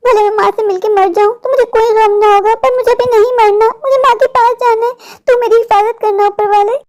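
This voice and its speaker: A woman's voice: very high-pitched, steady tone, fairly quick, a little mellow. A woman voicing a determined little girl who earnestly searches for her mother and keeps talking to herself, in a cartoon story. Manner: earnest, pleading, talks to herself.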